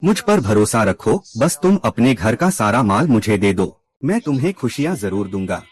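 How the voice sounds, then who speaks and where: Lively male drama recap narrator. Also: on the low side, moderate pace. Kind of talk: scripted recap narration voicing all characters.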